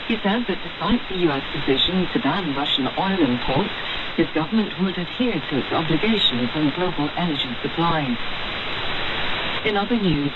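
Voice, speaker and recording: A woman reading a scripted news bulletin in a crisp, even, formal way, heard through an AM shortwave radio receiver. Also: lowish voice. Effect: heard over an AM shortwave radio receiver. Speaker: newsreader. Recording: hissy, muffled shortwave radio reception.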